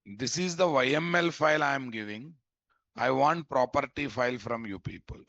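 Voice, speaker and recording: A man's voice: medium pitch, moderate pace, a bit bright, dry recording, muffled recording. A man with a Telugu Indian English accent teaching an informal live coding class, repeating his instructions and quizzing students with questions. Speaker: programming instructor.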